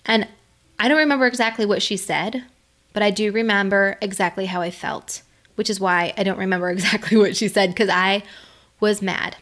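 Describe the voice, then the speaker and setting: A woman's voice: medium pitch, steady tone, normal speed, fairly bright tone. A middle-aged woman giving an earnest, conversational faith-based motivational talk, laughing now and then.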